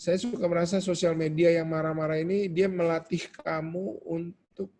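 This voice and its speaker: A man giving a casual webinar talk over a video call, animated and acting out quoted voices. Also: a little high, moderate pace. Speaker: webinar guest speaker.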